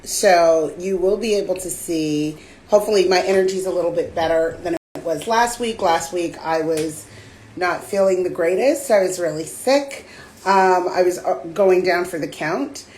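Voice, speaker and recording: A woman hosting a casual livestream chat, her raspy voice slightly hoarse from a cold, talking in a relaxed, chatty way with frequent fillers into a phone. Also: fairly low pitch, normal speed, slight background noise. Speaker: host. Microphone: phone on a live stream.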